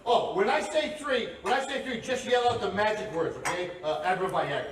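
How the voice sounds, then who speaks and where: A man's voice: high voice, expressive, fairly quick. A man performing a crude comedy magic act, brashly teasing his audience. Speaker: stage magician. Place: live venue before an audience. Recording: echoey live room from far off. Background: loud laughing crowd and noise.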